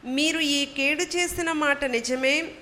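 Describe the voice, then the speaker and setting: A woman reading scripture verses aloud slowly and carefully during a church service. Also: high-pitched, pushed and bright. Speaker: scripture reader.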